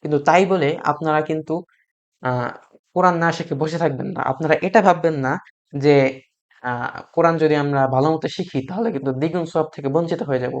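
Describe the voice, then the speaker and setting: With frequent hesitant fillers, a patient Quran reading teacher slowly repeats each Arabic letter sound for beginners to echo. His voice runs on the high side, and the audio is dull.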